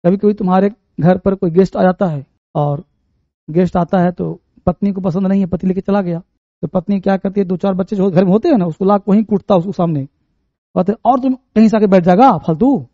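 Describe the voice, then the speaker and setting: Animated high-voiced male teacher. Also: brisk, no room sound. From India. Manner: animated, acts out everyday scenes to explain. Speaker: English grammar teacher. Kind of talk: classroom lecture. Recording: muffled, slightly lo-fi sound.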